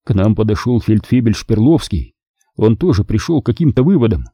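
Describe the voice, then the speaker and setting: Husky male audiobook narrator. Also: expressive, fairly quick, mellow, dry recording, clean studio sound. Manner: voices the soldiers in a raised pitch.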